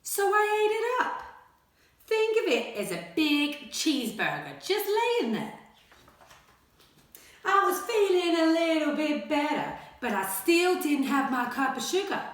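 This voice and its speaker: Storybook wolf, played by a woman: self-justifying, mock-innocent, high and swooping, unhurried delivery. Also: very animated, a bit bright, full character voice. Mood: chatty, self-justifying. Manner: folksy, mock-innocent, confiding. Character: chatty, self-justifying male wolf telling his side. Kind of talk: animated storybook read-aloud for children. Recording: echoey, reverberant room.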